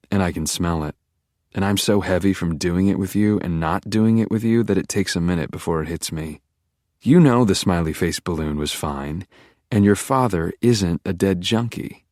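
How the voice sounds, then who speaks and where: A man with a very low, deep voice reads a first-person audiobook. His delivery is intense and brooding, like a private monologue. The recording is close and completely dry. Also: darkish tone, dry recording. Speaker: audiobook narrator.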